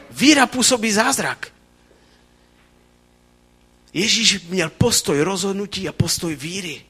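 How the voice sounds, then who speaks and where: Male preacher, sermon delivery, animated and fervent, bright tone, restarts mid-phrase. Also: sits high, husky.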